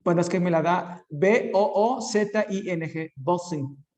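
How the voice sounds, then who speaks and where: Slow-speaking male student in a reverberant room. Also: high voice, darkish tone. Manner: slow, careful repetition of words after the teacher. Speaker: English student. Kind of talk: online speaking lesson.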